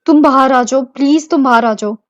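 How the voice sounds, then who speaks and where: A woman voicing a gentle young husband who stammers through apologies, in an amateur audio drama. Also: sits high, normal speed, dry recording, highs cut off, voice pushed up, natural voice. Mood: flustered.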